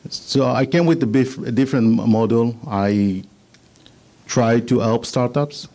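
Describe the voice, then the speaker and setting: A middle-aged Israeli man with an Israeli accent gives a business presentation about patents, speaking English in a measured, slightly halting way. His voice is mellow and medium in pitch.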